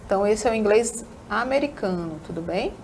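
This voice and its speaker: A woman's voice: mid-range voice, animated, brisk, a little mellow, slight background noise. A woman English teacher with a northern Brazilian accent, giving a recorded classroom lesson and often checking in with tag questions. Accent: northern Brazilian, Amazonas. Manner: peppers talk with tag questions to students.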